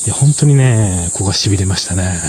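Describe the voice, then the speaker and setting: A man giving casual explanatory commentary as a drama reviewer, talking in a measured way with lots of fillers and soft tag particles. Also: deep voice, expressive, noisy background.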